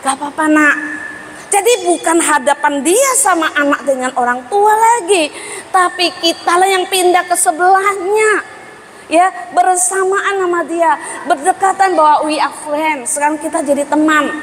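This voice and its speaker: A woman giving a lively parenting seminar, quizzing the audience and acting out parents and children. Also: extremely high pitch, moderate pace, slight background noise. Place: school hall seminar. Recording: reverberant hall with faint ambience.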